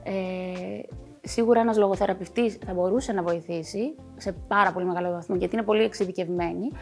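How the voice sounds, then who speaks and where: A woman's voice: mid-range voice, fairly even intonation, creaky, soft background music. A woman working as a voice coach, explaining her work in a TV talk show interview with many fillers.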